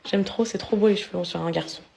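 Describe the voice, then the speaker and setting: A woman's voice: medium pitch, fast, creaky, dark tone, a little hiss or hum. A young woman filming a casual vlog at home on her phone, chatting to her followers and cooing at her children. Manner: chatty, switches into sing-song baby talk. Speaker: influencer filming her daily story. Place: home, indoors.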